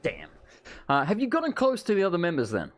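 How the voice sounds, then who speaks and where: A man's voice: high-pitched, wildly swooping pitch, quick pace. A man doing casual let's play commentary in a joking, irreverent way, with muttered asides.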